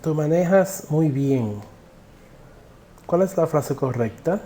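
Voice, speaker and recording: A man gives a recorded online English grammar lesson in an unhurried, mellow voice. He poses questions to the viewer, then pronounces each example sentence slowly and deliberately. A faint background noise sits under the recording. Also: fairly high pitch, expressive. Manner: asks the viewer questions and pauses for answers. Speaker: English teacher.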